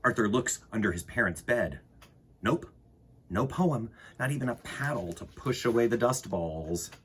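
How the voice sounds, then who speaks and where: A man hosts children's story time, reading and chatting eagerly and addressing his young listeners directly. His lowish, slightly bright voice is animated and measured in pace, with a bit of background noise.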